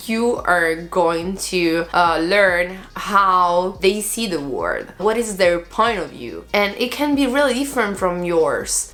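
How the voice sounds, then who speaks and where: A young Italian woman vlogs casually to camera in earnest, loosely phrased English packed with fillers and marked by her Italian accent. Her voice is on the low side with a fairly bright tone.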